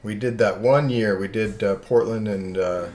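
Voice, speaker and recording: A man's voice: on the low side, normal speed, a little mellow, reverberant. A man chatting casually on his live art stream, rambling and often breaking off mid-sentence with chuckles.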